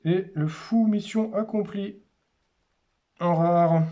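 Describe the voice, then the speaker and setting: A man with a fairly high but mellow voice, calmly opening a pack of trading cards. He speaks slowly, calling out each card in short, casual remarks. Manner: names cards one by one in short, unhurried remarks. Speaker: host opening a card display. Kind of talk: casual unboxing commentary.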